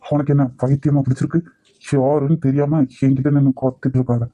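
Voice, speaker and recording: A man with a Nagercoil Tamil accent voicing an arrogant, short-tempered young company boss in a cartoon, gruff and commanding. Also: mid-range voice, level tone, quick pace, dark tone, no echo, muffled recording, natural voice. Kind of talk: cartoon voice acting.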